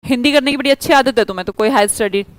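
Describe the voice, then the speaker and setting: High-voiced woman teaching grammar online, brisk, keeps hurrying students, dry close sound. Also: no room sound, low-quality recording. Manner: brisk, prods students for quick answers. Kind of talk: online class lecture.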